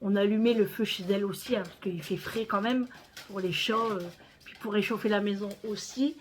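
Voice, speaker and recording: A woman's voice: medium pitch, steady tone, a little fast, a little hiss or hum. A French woman chatting casually to her viewers in a home vlog, talking to them as friends. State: out of breath. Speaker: vlogger.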